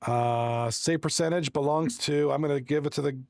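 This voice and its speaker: A man's voice: fairly high pitch, moderate pace, no echo. Chatty man streaming, dry close sound. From Toronto, Canada. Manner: rambling, friendly, reads chat aloud and runs through stats with many restarts. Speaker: esports hockey league commentator and streamer. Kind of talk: casual livestream chat.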